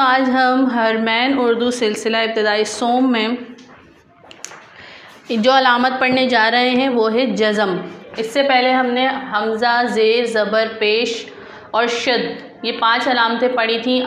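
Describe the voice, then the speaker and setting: Slow, high-voiced patient woman teacher. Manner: slow, patient, repeating each word for pupils. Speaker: school teacher. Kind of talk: teaching an Urdu reading lesson to young children. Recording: echoey classroom with faint hum.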